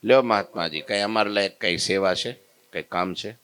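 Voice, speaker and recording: A man voicing a calm male spiritual master who gently teases his challenger. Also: on the low side, clear, resonant tone, voice pushed down, close to an everyday voice. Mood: calm teasing. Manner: unhurried, gently mocking.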